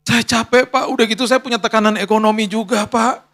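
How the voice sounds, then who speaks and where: A man playing a worn-out young male courier: tearful, apologetic, high and bright. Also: fairly even intonation, fairly quick, creaky. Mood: weary pleading. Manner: tearful pleading, repeating "Pak".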